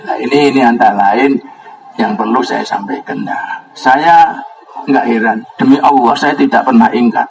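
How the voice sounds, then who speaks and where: A man's voice: medium pitch, moderate pace, gravelly, low-quality recording. A man with a Javanese accent giving a pesantren sermon as a kyai, rambling and chuckling, breaking into Arabic recitation. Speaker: kyai giving a religious lesson. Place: gathering at an Islamic boarding school.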